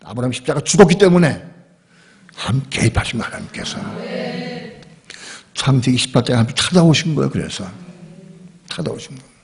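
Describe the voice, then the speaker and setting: A male pastor preaching a sermon at a church service, telling the story in a lively, conversational and emphatic way. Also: medium pitch, fast talker, pauses often. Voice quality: husky, gravelly.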